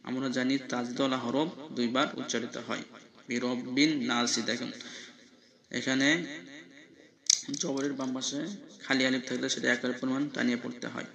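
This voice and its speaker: A man's voice: medium pitch, little pitch movement, normal speed, gravelly, long pauses, a bit bright. A man teaching Quran recitation, spelling each word letter by letter with patient repetition and breaking into chanted recitation.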